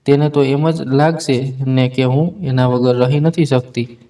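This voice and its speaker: A man's voice: mid-range voice, fairly even intonation, unhurried, close to an everyday voice. A man reading an angry, defiant young wife. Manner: sharp and defiant.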